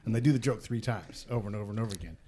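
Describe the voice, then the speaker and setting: A man's voice: on the low side, racing, mellow. A man chatting casually on a podcast as co-host, offhand and full of "you know".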